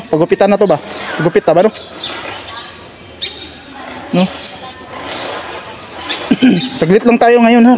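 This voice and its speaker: High-voiced man coaxing gently on a walk. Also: background noise. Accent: Agusan del Sur Filipino. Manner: coaxing, repetitive, gently encouraging a companion. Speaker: vlogger host. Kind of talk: casual walking vlog. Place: outdoors on a street and court.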